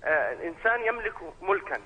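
A man's voice: high-pitched, very animated, quick pace, husky. A man calling in by phone, politely asking formal questions with some hesitant restarts. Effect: heard over a phone line. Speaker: caller. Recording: dull lo-fi phone line.

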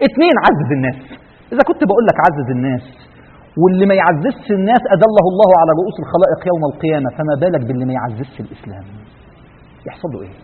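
A man with an Egyptian accent preaching a sermon, rousing, firing rhetorical questions and dropping from loud to hushed. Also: fairly high pitch, sing-song, racing, slightly rough, long reverb tail, phone-quality sound. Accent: Egyptian Arabic.

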